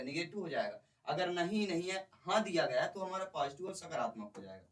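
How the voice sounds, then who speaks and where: A man's voice: fairly high pitch, fairly bright tone. A man teaching an exam-prep lesson. He explains each question step by step and keeps asking the class questions. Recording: voice somewhat far from the mic.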